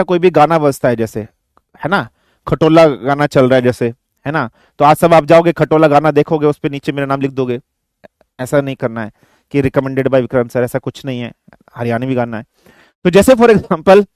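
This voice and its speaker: High-voiced Indian man teaching physics. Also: a little mellow, no room sound, clean studio sound. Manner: addresses students as beta, asks and answers own questions. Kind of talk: classroom lecture.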